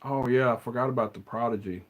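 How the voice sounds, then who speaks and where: A man's voice: mid-range voice, fast, phone-quality sound. A middle-aged man, hosting a rambling, casual live stream chat and answering the chat as he goes.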